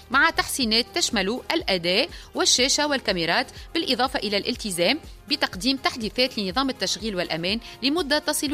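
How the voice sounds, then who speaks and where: A woman's voice: fairly high pitch, bright, forceful tone. A woman presenting a scripted tech news segment on radio, with music behind her.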